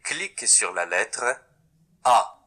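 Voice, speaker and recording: A man narrates a children's reading app with slow, carefully articulated instructions. His tone is very bright and his pitch swings widely. He dictates single words one at a time for a child to spell. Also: very animated, slightly rough.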